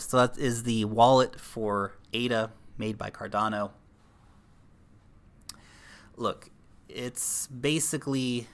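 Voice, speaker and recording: A young man from New Zealand who speaks with an American accent hosts a casual livestream in a medium-pitched, bright, forceful voice. Chatty, he reads viewer comments aloud, calls the audience "guys," and thinks aloud with fillers.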